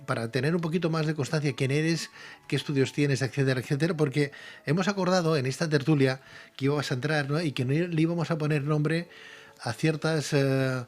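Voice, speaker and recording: A man's voice: a little high, brisk. A man hosting a live online talk show, chatty and rambling, often repeating himself as he speaks. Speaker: host.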